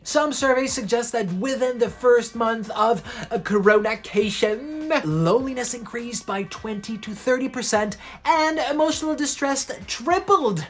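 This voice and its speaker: A woman hosting a comedic explainer video, delivering facts with jokey asides in a lower voice. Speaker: host.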